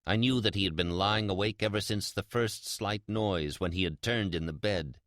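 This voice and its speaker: A man playing a sly, mad, gloating murderer in a theatrical, deliberate dramatic reading of a Gothic horror story. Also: lowish voice, fairly bright tone, dry recording, studio quality, close to an everyday voice. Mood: sinister, hushed. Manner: theatrical, deliberate, drawn-out emphatic repetitions. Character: mad, gloating, sly male murderer confessing his crime.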